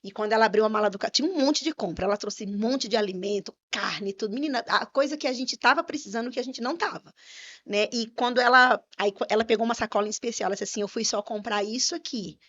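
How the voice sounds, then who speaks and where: A woman's voice: a little high, quick pace, fairly bright tone. A woman minister, a podcast guest, telling an earnest personal testimony with fervent religious emphasis. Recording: slightly muffled podcast audio.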